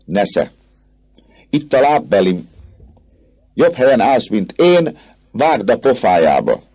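A man voicing a rowdy crowd of young male students who shout mocking taunts in a much higher, louder voice than his narration. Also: big pitch swings, husky, heavily acted. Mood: jeering.

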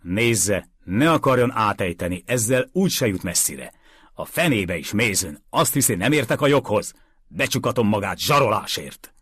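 A man's voice: on the low side, sing-song, no echo, studio quality, pitched above the performer's own voice. A man reading aloud, voicing a blustering, pushy wealthy man in a storybook. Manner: loud, insistent, bullying.

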